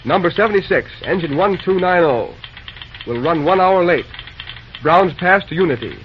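An actor playing a busy young railroad dispatcher in an old-time radio drama, talking briskly in folksy slang. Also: male voice, sits high, expressive. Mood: businesslike. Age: young adult. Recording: dull, noisy old radio recording.

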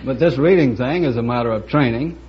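A man's voice: medium pitch, husky. Dry-witted man contestant. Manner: dry, measured replies. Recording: dull old broadcast, audience and hiss.

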